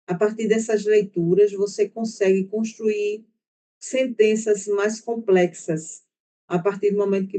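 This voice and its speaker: A woman's voice: mid-range voice, dark tone. A woman teacher with a Brazilian accent giving an online class, talking at length and checking in with her students as she explains. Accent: Brazilian Portuguese. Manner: chatty, explains at length with frequent "né?" and "tá?".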